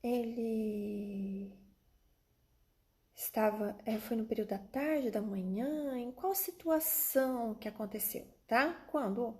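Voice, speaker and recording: Speaking slowly in a fairly high, slightly mellow voice, a Brazilian woman teaches primary-school children online. She walks them through each step, addresses them directly, and keeps checking that they follow with frequent tags and affectionate diminutives.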